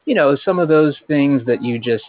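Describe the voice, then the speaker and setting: A man leaving a halting, awkward voicemail to a camping buddy, full of ums, over tinny call audio. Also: on the high side, expressive. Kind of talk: improv comedy voicemail.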